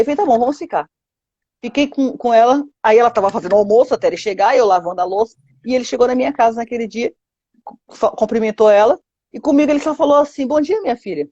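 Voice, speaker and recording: Fast-talking Brazilian woman giving testimony. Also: fairly high pitch, a little mellow, husky, no echo, muffled recording. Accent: Brazilian Portuguese. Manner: vivid storytelling, acting out quoted dialogue, frequent 'sabe?'. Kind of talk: emotional testimony in an interview.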